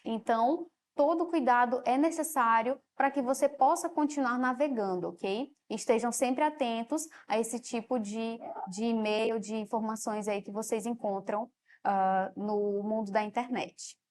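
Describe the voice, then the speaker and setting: A woman with a Brazilian Portuguese accent teaches a televised lesson in a fairly high voice. She explains step by step and keeps checking in with her students through a quieter "ok?" at the end of her phrases. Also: unhurried. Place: studio.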